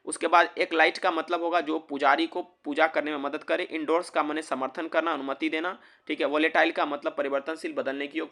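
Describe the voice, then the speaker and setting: A man's voice: a little high, fairly bright tone. A man teaching vocabulary in a casual explaining style, asking the viewers questions and answering them himself. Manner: repeats questions to viewers, many fillers.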